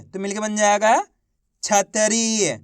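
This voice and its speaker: A man teaching children to read, sounding out each syllable loudly before blending the word, then coaching viewers as friends. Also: high-pitched, moderate pace, no room sound, studio quality. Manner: addresses viewers as friends, coaxing and repetitive. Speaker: Hindi reading teacher. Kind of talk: slow syllable-by-syllable reading lesson.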